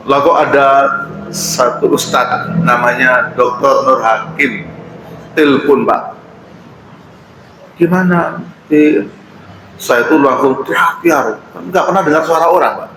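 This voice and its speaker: A middle-aged man with an East Javanese accent gives a mosque sermon in a relaxed, storytelling way, slipping into Javanese phrases. His pitch sits in an ordinary middle range. The room is roomy and echoing, with faint ambience behind him. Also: a little hiss or hum. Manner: casual storytelling with Javanese asides. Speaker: preacher. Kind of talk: mosque study-circle sermon. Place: mosque hall.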